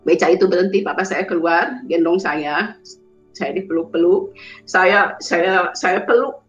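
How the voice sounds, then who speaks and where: A woman from West Java, Indonesia, telling her personal testimony, often restarting and correcting herself mid-sentence. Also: fairly low pitch. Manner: halting, with frequent restarts and self-corrections. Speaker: testimony speaker. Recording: roomy, dull, lo-fi sound with faint music.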